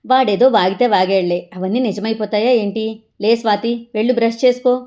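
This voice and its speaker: A woman's voice: mid-range voice, steady tone, a little fast, darkish tone, close to an everyday voice. A woman voicing a bossy but loving middle-aged mother who scolds and lectures her children in a comic family sketch. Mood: scolding.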